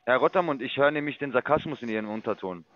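A man making a sales call in a mid-pitched voice, talking down to the other person. He lectures and steers the talk back to business. The line sounds dull and lo-fi. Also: fast talker, dry recording. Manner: condescending, lecturing. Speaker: investment sales caller.

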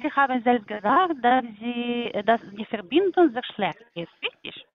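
Woman agent, non-native German accent, high voice, hesitant and repetitive, phone-line sound. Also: animated. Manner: halting, hesitant, many fillers and repeated words. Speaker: call center agent. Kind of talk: phone sales call.

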